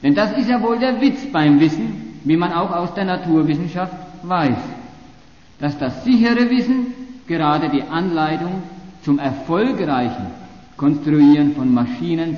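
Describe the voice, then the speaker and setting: Male lecturer, fairly high voice, sarcastic and argumentative, dull lo-fi recording. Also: expressive, measured pace, reverberant, long reverb tail. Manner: sarcastic, argumentative, restarts phrases. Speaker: university lecturer. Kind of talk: polemical lecture.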